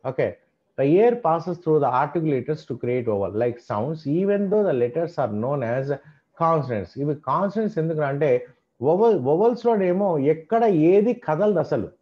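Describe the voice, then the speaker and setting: A man's voice: on the high side, animated, slow pace. A man teaching an online English pronunciation class, explaining in English and then restating in Telugu, drilling sounds and example words one by one. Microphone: computer mic on video call. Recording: dull lo-fi video call audio.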